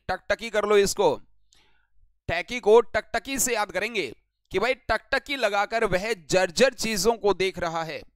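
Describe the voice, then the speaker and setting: Lively high-voiced Indian man teaching vocabulary. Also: clean tone, no room sound. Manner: greets viewers by name, repeats words with call-and-response questions. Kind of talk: live online vocabulary lesson.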